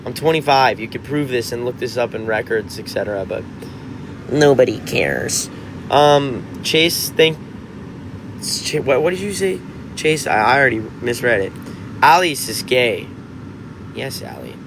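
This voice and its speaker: A man's voice: mid-range voice, expressive, a little slow, background noise. Rambling young man chatting on a livestream. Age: 20s. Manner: rambling, restarts often, chatty. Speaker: musician livestreaming to fans. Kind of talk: casual livestream chat, reading comments.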